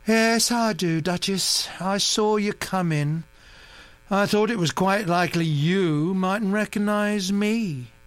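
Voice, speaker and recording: A man's voice: high-pitched, expressive, measured pace, a bit bright, no echo, pitched above the performer's own voice. A man reading an audiobook, voicing a young woman artist who talks in a lazy, placid, offhand drawl. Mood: indifferent.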